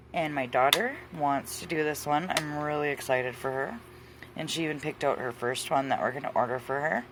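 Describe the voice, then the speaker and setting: Low-voiced woman rambling on about her crafts, lots of ums, fan humming faintly in a hot room. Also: slight background noise. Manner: chatty, rambling, fillers and asides. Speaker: craft vlogger. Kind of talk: casual chat.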